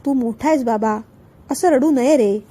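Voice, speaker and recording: Woman voicing a pouty little storybook girl, high and mellow. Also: moderate pace. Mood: sulky. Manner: childish pouting talk. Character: bossy little girl, playful and sulky.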